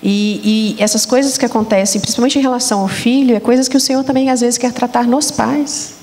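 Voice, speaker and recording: Woman, Brazilian Portuguese accent, fairly high voice, animated storytelling, church stage talk show host. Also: a little fast. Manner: animated storytelling, addresses audience as "gente".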